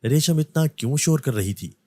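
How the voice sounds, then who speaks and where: A man's voice: a little high, animated, moderate pace, a little mellow, no echo, voice pushed up. A man doing a suspicious older uncle. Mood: probing. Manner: questioning, probing.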